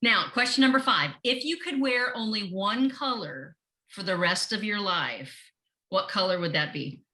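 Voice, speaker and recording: A woman co-hosting a podcast interview over a video call, bubbly and quick to laugh. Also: mid-range voice, pushed and bright. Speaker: podcast co-host. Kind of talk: casual interview chat.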